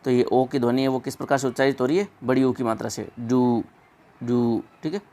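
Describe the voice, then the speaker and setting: A man teaching an exam-prep English pronunciation lesson, repeating words slowly and drawn out. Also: mid-range voice, mellow.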